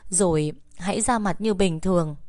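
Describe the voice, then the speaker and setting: A woman's voice: fairly low pitch, a little mellow, no echo, studio quality, natural voice. A woman voicing a weeping, anxious older village mother who stammers and repeats herself. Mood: tearful pleading. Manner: sobbing, halting, repeats words. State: crying.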